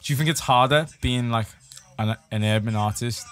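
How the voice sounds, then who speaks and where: A man's voice: mid-range voice, moderate pace, a bit bright. A young man hosting a podcast, laid-back and chatty, asking questions and trailing off with fillers. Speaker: podcast host. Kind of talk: casual podcast chat.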